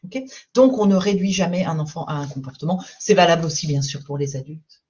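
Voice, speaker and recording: A woman parenting coach giving a live-streamed talk. She explains calmly and patiently and keeps checking in with her viewers. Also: low voice, brisk, highs cut off, a little hiss or hum.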